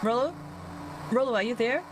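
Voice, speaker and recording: A woman playing a story game and reading the main boy's lines aloud in an animated, expressive way. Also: a little high, moderate pace, noisy background. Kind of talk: let's play, reading dialogue aloud. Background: game music.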